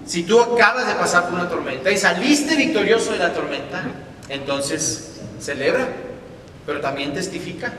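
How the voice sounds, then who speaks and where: Emphatic high-voiced preacher in an echoey hall. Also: male voice, expressive, moderate pace, crowd noise. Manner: emphatic, repetitive, swings between loud and soft. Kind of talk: sermon. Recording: echoey hall from far off, faint rumble.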